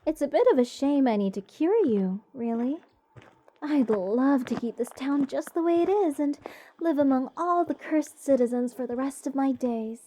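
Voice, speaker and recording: The recording is low quality, capturing a woman's high, expressive voice with a dark tone. She's a voice actor in a whimsical fantasy ASMR roleplay, cast as an eccentric mage gushing over cursed creatures and rambling to the listener. Dreamy and fond, she speaks slowly, dotingly, and with theatrical whimsy.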